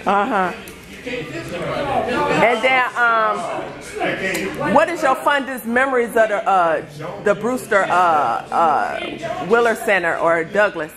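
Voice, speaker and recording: A man's voice: high voice, lively intonation, slow pace, long pauses, over music. A man interviewing an older neighbor, asking casual, prompting oral-history questions. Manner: prompting, casual, breaks into chuckles.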